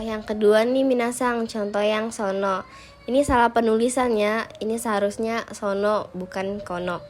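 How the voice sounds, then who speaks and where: A young woman, teaching a Japanese lesson in a patient, explanatory way. She speaks to her viewers directly again and again. She slows down to read each example sentence carefully. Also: mid-range voice, a little hiss or hum. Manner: addresses viewers often, reads example sentences slowly.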